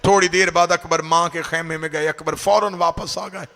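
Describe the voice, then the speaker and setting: A man, a cleric leading a mourning gathering, chanting a grieving sermon into a microphone that swells into loud wailing cries. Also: on the high side, steady tone, moderate pace, in a large hall. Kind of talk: impassioned sung mourning sermon. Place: Karachi, gathering hall.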